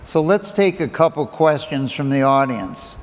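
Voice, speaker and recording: A man moderating an interview on a conference stage, putting questions to his guest in a measured way and relaying questions from the audience. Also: a little high, lively intonation. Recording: hall reverb with faint noise.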